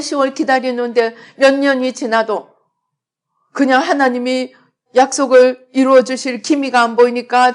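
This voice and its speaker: A middle-aged woman pastor preaching a sermon, swinging between loud emphatic lines and quiet asides. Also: sits high. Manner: acts out prayers and God's replies in quoted voices.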